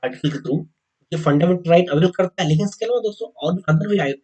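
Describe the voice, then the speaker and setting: An Indian man giving an exam coaching lecture, mixing Hindi with slowly read English legal text and often repeating key points to the viewers. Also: high voice, darkish tone, rough recording. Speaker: teacher.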